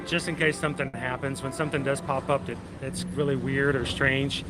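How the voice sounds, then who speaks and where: A man's voice: mid-range voice, flat delivery, brisk, loud music behind the voice, rough recording. A man hosting a casual livestream, chatting directly to his viewers. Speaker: livestream host and travel agent. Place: outdoors in a busy theme park. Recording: loud outdoor theme park noise. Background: ride announcements, vehicles, park ambience.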